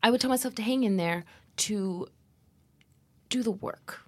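A young woman from Miami, a podcast guest chatting casually and animatedly, often dropping into soft breathy asides. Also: medium pitch, unhurried. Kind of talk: casual interview chat.

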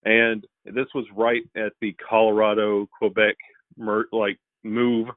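A man's voice: fairly low pitch, flat delivery, a little slow, no room sound. Male fan guest from Alabama, casual interview chat, dry and thin phone-like call audio. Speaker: podcast guest, hockey fan. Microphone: remote call.

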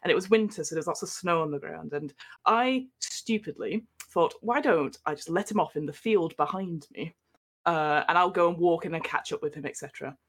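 A woman from northwest England with a northern English accent guests on a podcast, telling a story in a rambling, self-mocking way during a casual storytelling chat. Her voice is low and brisk.

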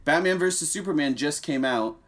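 A man's voice: on the high side, expressive, fairly quick, a bit bright. A man co-hosting a casual podcast, talking at length in a rambling way. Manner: rambling, many fillers and restarts. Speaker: podcast co-host. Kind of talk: casual chat.

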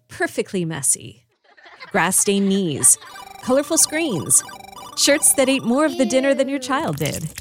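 A woman's voice: medium pitch, a little hiss or hum. A woman reading a scripted advertisement in a playful, upbeat way and stretching some words for effect. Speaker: ad narrator.

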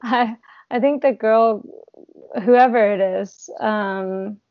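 A woman's voice: fairly high pitch, fairly even intonation, slow, no echo, muffled recording. A woman co-hosting a casual interview, musing hesitantly with ums and restarts. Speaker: interview co-host. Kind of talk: casual chat.

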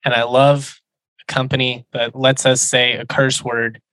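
A man's voice: mid-range voice, flat delivery, measured pace, fairly bright tone, dry recording. A man hosting a sports podcast, talking informally and chattily, slipping into conversational ad reads.

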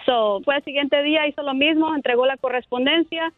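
A woman's voice: high-pitched, a little fast, no echo. Nervous lady calling in, telling a joke, phone line sound, lots of ums. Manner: storytelling, hesitant with fillers. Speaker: caller.

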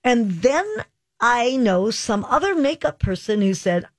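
A woman's voice: on the high side, expressive, measured pace, no room sound, studio quality. Chatty, curious woman radio host. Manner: curious, chatty, asks questions. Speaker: radio talk show host. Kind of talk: casual radio chat.

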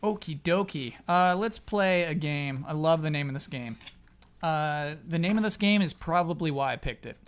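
A man's voice: fairly high pitch, moderate pace, clean tone. A man chatting casually as the host and quiz reader on a gaming podcast.

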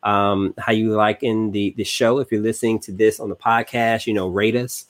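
A man, co-hosting a casual podcast, relaxed and full of fillers and repeats. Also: fairly low pitch, moderate pace. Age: 30s. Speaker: podcast co-host. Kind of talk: casual chat.

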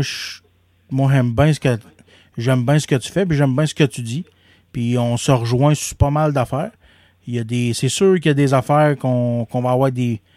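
A man's voice: medium pitch, darkish tone, dry recording, clean studio sound. A man with a Québécois French accent hosting a podcast in casual chat, rambling with many restarts and fillers. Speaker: podcast host.

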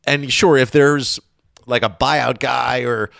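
A man's voice: mid-range voice, fairly even intonation, takes it slowly, vocal fry, a bit bright, no echo, clean studio sound. A man co-hosting a sports podcast, talking things through casually with fillers and restarts. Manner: conversational, thinking aloud with fillers. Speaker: podcast co-host.

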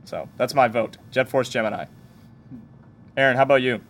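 A man's voice: medium pitch, fairly even intonation. A young man hosting a laid-back gaming podcast, talking casually. He chats loosely, stumbling and restarting his sentences as he thinks aloud. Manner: chatty, halting restarts. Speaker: podcast host, game store worker.

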